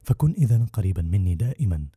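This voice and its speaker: A cunning one-legged pirate captain, voiced by an audiobook narrator, coaxing and wheedling as he bargains. The voice is very dark and a little husky, and it moves along at a quick clip. It sounds dry and close, with no room around it. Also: lowish voice, big pitch swings, no echo, heavily acted. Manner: persuasive, wheedling. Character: sly smooth-talking one-legged male pirate captain. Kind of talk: audiobook character voice.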